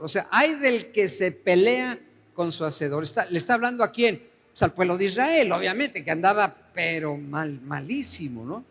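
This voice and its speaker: A man preaching a sermon as pastor, asking the congregation questions and slowing down to read scripture aloud. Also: high-pitched, big-room sound. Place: church hall.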